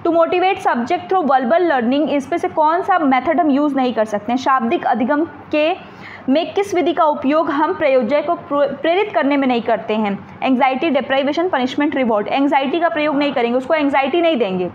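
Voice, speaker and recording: A woman with a high voice explains exam answers one by one, often asking a question and answering it herself. She reads the English question text slowly and carefully. The recording sounds dull and muffled, with a faint hiss underneath. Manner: explains step by step, asks and answers her own questions. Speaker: teacher. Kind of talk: exam question walkthrough lesson.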